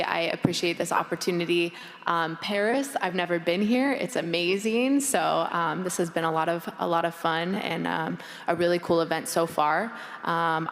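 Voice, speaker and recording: Grateful woman with faint music behind. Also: lowish voice. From United States. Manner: thankful, filler-heavy. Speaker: athlete and gym owner. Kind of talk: press conference remarks.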